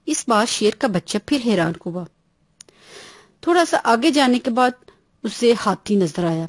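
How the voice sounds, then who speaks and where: A woman narrating a children's bedtime story in a plain, even-paced reading voice. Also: a little high, no echo, studio quality.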